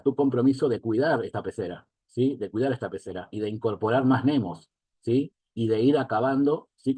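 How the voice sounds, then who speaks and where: A man's voice: medium pitch, dark tone, no echo. A man with a Rioplatense Spanish accent giving an online mentoring lesson as a life coach. He keeps checking that the listener is following him. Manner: asks for agreement again and again.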